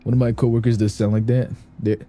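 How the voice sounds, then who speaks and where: A man's voice: medium pitch, little pitch movement, fast talker, mellow. A man streaming a game, chatting casually and joking, boasting about his accent skills. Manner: joking, rambling, self-boasting. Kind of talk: casual gameplay commentary.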